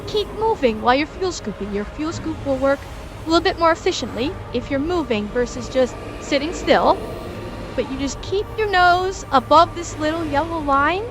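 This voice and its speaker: A woman giving a live gaming tutorial as an instructor, emphatically repeating key points and answering viewers as she goes. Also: sits high. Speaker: instructor and host of a gaming lesson.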